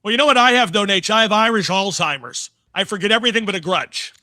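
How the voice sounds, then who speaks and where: A man's voice: sits high, fast, bright, forceful tone. A man interviewing someone conversationally, speaking in an emphatic, candid way. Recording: reverberant hall.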